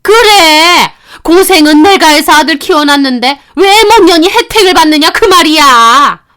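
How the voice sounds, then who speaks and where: Brief: woman reader doing a high, loud, domineering middle-aged mother-in-law, bossy and scornful. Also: lively intonation, takes it slowly. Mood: indignant.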